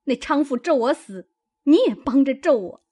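A woman voicing a sharp-tongued young noblewoman of a great house, domineering and scornful in a dramatized novel reading. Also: high voice, lively intonation. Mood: aggrieved, tearful. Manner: domineering, scornful and quick to scold.

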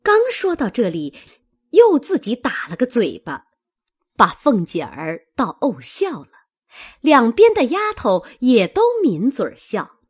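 Brief: woman storyteller, slow and measured, husky tone. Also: a little high. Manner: measured, expressive. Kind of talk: storytelling narration of a classic novel.

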